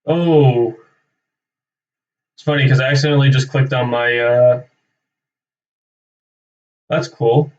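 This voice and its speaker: Speaking slowly with long pauses, a young man uses a steady, mid-range voice with a darkish tone. He's a Canadian realtor on a live cold-calling stream, chatting off the cuff, rambling, thinking aloud and saying "right?" after sentences. A distant, slightly dull microphone records him.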